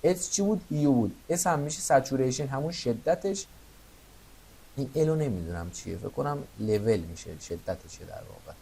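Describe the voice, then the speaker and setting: A young man walks through a software lesson in an easygoing, conversational tone. He pauses to think aloud and often checks that the listener is following. His pitch sits in an ordinary middle range. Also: expressive, vocal fry, slight background noise. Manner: informal, thinks aloud while explaining. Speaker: Photoshop instructor. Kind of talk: screen-recorded software tutorial.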